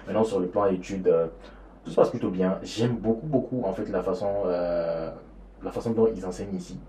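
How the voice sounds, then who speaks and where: Low dark-voiced young guy from niger, rambly vlog chat, lots of euh, echoey room, faint background hum. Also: brisk. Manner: rambling, repetitive, many fillers. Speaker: student vlogger. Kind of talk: casual vlog monologue. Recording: roomy echo, faint ambience.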